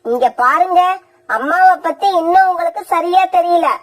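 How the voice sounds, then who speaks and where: A high-voiced cartoon mother bird with a sharp, sarcastic tongue, as a woman acts her out. She scolds and threatens in quick, biting phrases. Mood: scolding.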